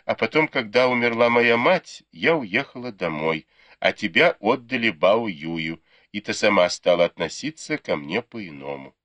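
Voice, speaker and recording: A man voicing a proud, quick-tongued young noble lady in an audiobook, reproachful and teasing. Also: fairly low pitch, animated, sharp tone, dry recording, voice pushed up. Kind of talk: audiobook character reading.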